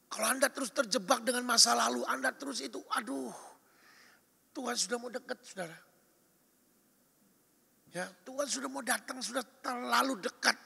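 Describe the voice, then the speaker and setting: Pastor guy preaching, raspy gravelly voice, big echo hall. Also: extremely high pitch, moderate pace, long pauses. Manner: emphatic, exhorting, swings between loud calls and soft asides. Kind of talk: sermon. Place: church or retreat hall. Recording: reverberant hall recording.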